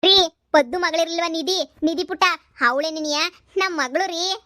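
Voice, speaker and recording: A woman's voice: very high voice, bright, forceful tone, no echo, clean studio sound. A woman voicing a landlord's insistent middle-aged wife in a comedy cartoon. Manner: insistent, quick, coaxing.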